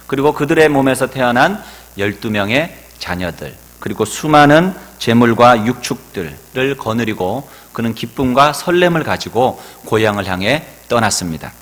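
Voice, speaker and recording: A man's voice: medium pitch, animated, normal speed, fairly bright tone. A male pastor preaching a sermon in a church sanctuary, telling stories and building up to emphatic exhortation. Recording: long church hall reverb.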